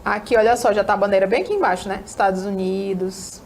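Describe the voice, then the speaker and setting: Speaking fast, this woman has a medium pitch, fairly even intonation, and a slightly mellow quality, with slight background noise. She teaches a recorded English lesson in her Amazonas northern Brazilian accent, checking in often with tag questions.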